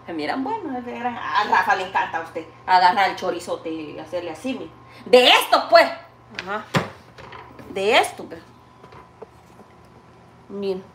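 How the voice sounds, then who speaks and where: A cooking vlogger chats casually while she cooks in her home kitchen, rambling fondly to the viewer and calling her "niña" and "hija linda." Her mid-range voice is sing-song, at a measured pace with long pauses, in an echoey room with slight background noise.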